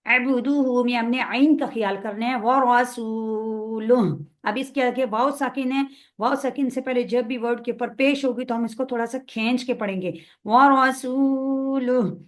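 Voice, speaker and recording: A woman with a Pakistani Urdu accent giving a recitation lesson, explaining and then reciting passages slowly and drawn out. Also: a little high. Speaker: teacher of prayer recitation.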